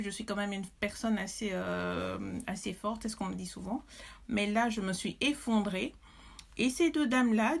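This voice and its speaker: A woman from Belgium, telling her story as a mother, emotional and indignant, with many hesitations. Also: on the high side. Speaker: mother testifying. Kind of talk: personal testimony to camera.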